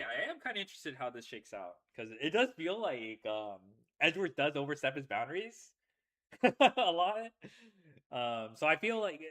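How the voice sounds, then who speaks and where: A young man chatting casually while streaming a game, relaxed and rambling, laughing often. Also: medium pitch. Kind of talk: casual gameplay chat.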